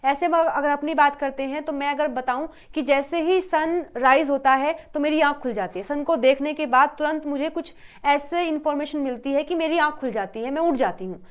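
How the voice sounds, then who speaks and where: A woman's voice: sits high, moderate pace. A woman giving an exam-prep lecture, asking questions and then answering them herself, and repeating her key points. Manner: mixes English terms into Hindi explanation. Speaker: teacher.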